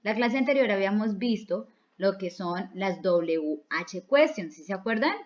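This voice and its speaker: A Colombian woman teaches an online English class that's been recorded, her mid-range, expressive voice moving a little slowly. She patiently explains each step and repeats key words in two languages, captured on a dull lo-fi recording.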